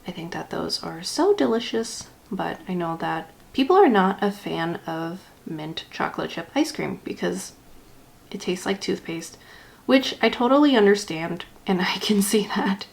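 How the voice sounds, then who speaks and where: A YouTube vlogger with a medium-pitched, gravelly voice rambles casually through ink swatches for her vlog. She sounds a little self-conscious and has a slight lisp from wearing a retainer.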